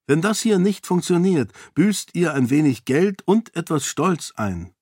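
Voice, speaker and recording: A man's voice: fairly high pitch, sing-song, measured pace, a little mellow, dry recording, studio quality, voice pushed up. A man voicing a resolute young princess who argues firmly and urgently with a council of lords. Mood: firm persuasive. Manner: firm, persuasive, urgent.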